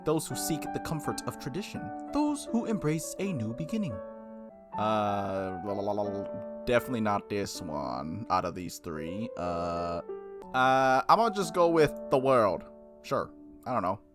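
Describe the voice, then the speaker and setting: A gaming video host with a medium-pitched voice talks at a moderate pace over music, her pitch swinging widely. She's informal and playful, giggling, saying "like" often and tossing in asides as she casually comments on the gameplay and reads visual novel text aloud.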